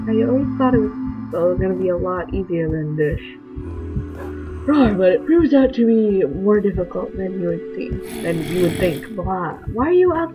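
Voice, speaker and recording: A woman talks her way through a building game in a loose, rambling voice, muttering to herself between thoughts. Her pitch sits in an ordinary middle range. Clear background music plays under her. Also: poor audio. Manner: rambling, chatty, talking to herself while playing. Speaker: gaming channel host. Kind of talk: casual Minecraft commentary.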